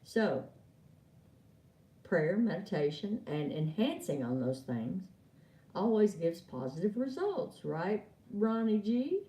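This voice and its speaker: A woman chats through an oracle card reading, laughing and calling viewers by name. Her voice sits low and mellow but swings widely, and she takes her time. It sounds like an echoey room with the mic set back from her. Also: big pitch swings, slow pace, recorded from a distance. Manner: chatty, laughs often, talks to viewers by name. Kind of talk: live stream chat with viewers.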